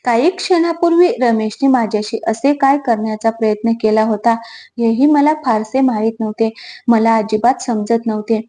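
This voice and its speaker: A woman storyteller reading a scripted first-person emotional story in a steady, earnest way. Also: a little high, moderate pace. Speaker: storyteller, channel host.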